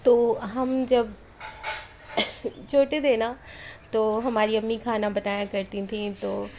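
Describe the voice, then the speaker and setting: She takes it slowly, her fairly high voice level and a little mellow. A cooking vlogger from Pakistan in her thirties with a flu-sore, strained throat, she speaks chatty and homely to viewers in a home voice-over, faint street and household noise in the background.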